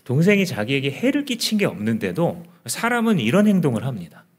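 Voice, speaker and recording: A man's voice: medium pitch, wildly swooping pitch, a little fast, breathy edge. A male pastor preaching a sermon in an earnest, conversational way, often asking the congregation questions.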